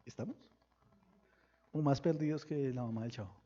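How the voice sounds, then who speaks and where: A pastor preaching a sermon, firing questions at the congregation and breaking into sudden loud bursts. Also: male voice, medium pitch, moderate pace, slightly rough, lo-fi sound. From Colombia.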